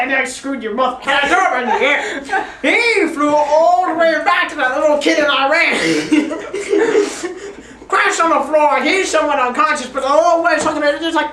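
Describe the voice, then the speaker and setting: There's slight background noise as a teenage girl with a slightly high, fairly bright voice tells a rambling, absurd improvised story, giggling frequently. This student storyteller is in an echoey classroom, captured by a distant camera set up across the room.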